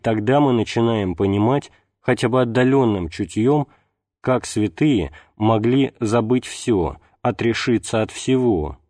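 A man reading a religious text aloud as an audiobook narrator, in a measured, unhurried way. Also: on the low side, dark tone, no room sound, clean studio sound. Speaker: audiobook reader.

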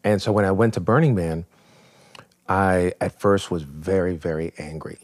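Deep-voiced man telling a vivid story. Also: normal speed, dry recording, studio quality. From New York. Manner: vivid, self-mocking storyteller. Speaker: guest, professor. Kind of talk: storytelling in a podcast interview.

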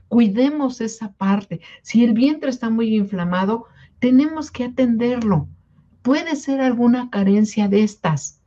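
A woman gives a casual wellness talk, speaking in a mellow, warm tone. She coaxes her listeners and keeps checking in with them. The recording sounds a little dull and muffled. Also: fairly high pitch. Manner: coaxing, repeats "¿sí?" to check in with listeners. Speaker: wellness product presenter. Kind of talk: informal health talk to distributors.

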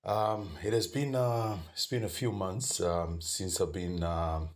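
A man hosting a podcast, introducing it alone and pausing with many ums and uhs. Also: sits low, fairly even intonation. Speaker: podcast host.

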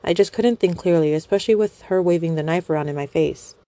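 Woman, slightly low pitch, very mellow, measured earnest first-person story narration, dry close recording. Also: no echo.

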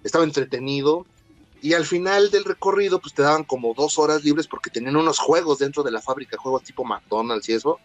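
A man's voice: on the high side, a little fast, muffled recording, faint music behind. A man with a Mexican accent telling childhood stories in casual, slangy chat, acting out what people said. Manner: animated, slangy, acts out quotes.

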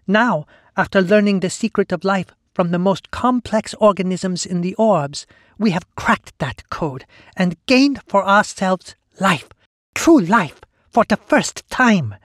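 A man's voice: high-pitched, lively intonation, measured pace, fairly bright tone, no echo, clean studio sound, voice pushed up. A man voicing a female hive-monster fused into a mass of flesh, speaking in an oily, taunting, zealous way. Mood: grandiose.

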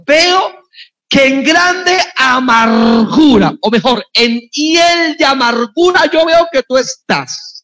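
A man preaching a sermon, impassioned and often shouting as he tells stories. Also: very high-pitched.

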